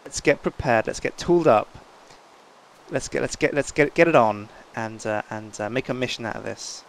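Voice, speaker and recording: A man's voice: medium pitch, normal speed, gravelly, slight background noise, rough recording. A man co-hosting a gaming video, giving casual commentary in a playfully earnest, rallying way.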